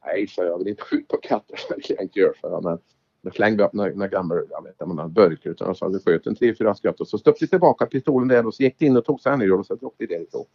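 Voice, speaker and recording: A man's voice: low voice, gravelly, slightly rough. A man telling rally anecdotes in casual chat, acting out the exchanges he quotes. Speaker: former rally driver telling stories. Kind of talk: casual storytelling. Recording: dull lo-fi recording.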